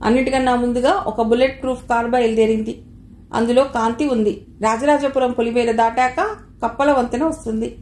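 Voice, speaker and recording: A woman's voice: a little high, steady tone, brisk, a little mellow, roomy sound. A woman reading a novel aloud as an audiobook narrator, telling the story steadily and voicing the dialogue lightly.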